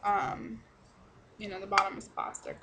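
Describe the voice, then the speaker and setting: A woman's voice: medium pitch, level tone, moderate pace, heavy background noise. A young woman giving a casual, chatty review to camera, rambling along in a blunt, salty-tongued way. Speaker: product reviewer.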